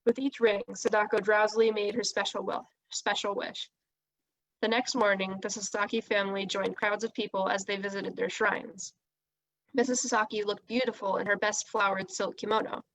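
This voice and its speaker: A woman reads a children's novel aloud in a steady, expressive storytelling voice. Her pitch sits in an ordinary middle range. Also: moderate pace, poor audio. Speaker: reader.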